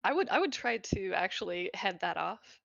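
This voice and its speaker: A woman's voice: medium pitch, animated, moderate pace, gravelly, fairly bright tone, dry recording, highs cut off. A woman chatting casually as a tabletop game player, informal and decisive about her moves.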